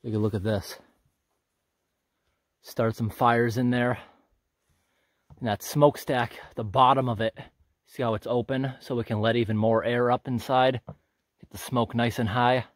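He is a hiker filming his walk along a forest trail on a handheld camera, offering relaxed, watchful commentary and thinking aloud. The medium-pitched male voice is unhurried with long pauses, and no echo is heard outdoors.

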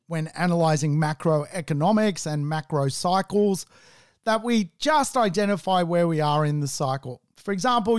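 A man's voice: fairly high pitch, clean tone, no room sound, clean studio sound. A man hosting a solo podcast, talking in a chatty, informal way with joking asides. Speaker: property investing podcast host.

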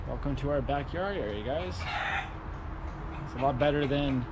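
A man in his thirties chatting casually in an outdoor vlog, relaxed and rambling with lots of fillers, filmed at arm's length in a backyard. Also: medium pitch, moderate pace. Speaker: vlogger, hotel worker. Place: backyard patio outdoors, roosters crowing. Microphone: camera at arm's length. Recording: outdoor recording with loud rooster noise.

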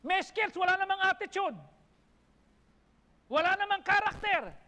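A pastor with a Filipino accent preaches in a church hall, mixing Tagalog and English and building emphatic lists that rise in intensity. His voice is very high, animated and sharp, delivered at a measured pace, and long hall reverb fills the recording.

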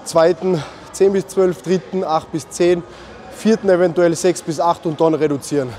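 Fitness guy talking thru his leg day, mellow slightly high voice, chill and instructive. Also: steady tone, normal speed, soft background music. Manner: instructive, casual, mixes English gym slang. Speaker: fitness vlogger. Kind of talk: gym workout explanation.

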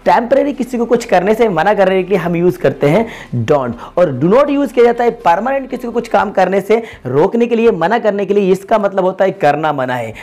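A man's voice: sits high, a little mellow. A man hosting a YouTube lesson, explaining English grammar in Hindi and repeating each example to stress it.

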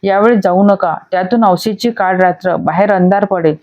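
A woman's voice: mid-range voice, moderate pace, lo-fi sound, close to an everyday voice. Woman reading as a worried old village woman. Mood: warning. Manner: earnest warning.

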